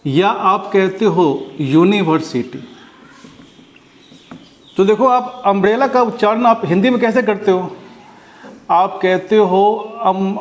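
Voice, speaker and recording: A man from India teaching English grammar to students, explaining step by step, asking rhetorical questions and checking in often. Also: sits high. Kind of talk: classroom grammar lesson.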